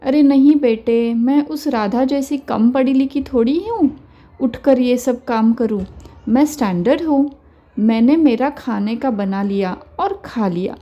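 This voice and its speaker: A woman voicing an older mother-in-law who speaks gently and firmly, giving measured advice in an audio story. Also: a little high, highs cut off. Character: older mother-in-law, calm, wise, quietly firm.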